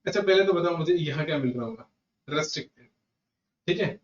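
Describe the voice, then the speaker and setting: An Indian man giving a classroom lecture to students, repeating each point and talking to them directly in an animated way. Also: a little high, fast talker. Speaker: GST lecturer. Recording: echoey room, distant muffled mic.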